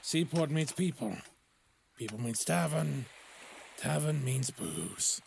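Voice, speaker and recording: A man playing a tabletop game, with gruff, sardonic remarks. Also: medium pitch, lively intonation, slow, darkish tone, slight background noise. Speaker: player.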